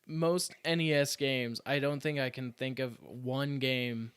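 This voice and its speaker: Man, smooth clear voice, podcast co-host, relaxed casual chat. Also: mid-range voice, a little slow, no room sound. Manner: relaxed, chatty, many fillers.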